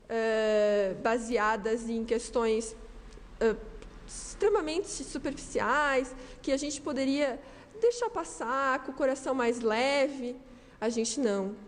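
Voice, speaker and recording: A woman giving an earnest, measured doctrinal talk at a spiritist centre, reading quoted passages. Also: high-pitched. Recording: long hall reverb.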